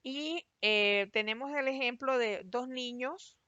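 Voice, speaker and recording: A woman teacher giving a recorded class, explaining patiently and spelling out syllables slowly. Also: on the high side, sharp tone, clean tone, dry recording. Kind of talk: recorded online class lesson. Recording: dry, slightly dull lo-fi voice-over.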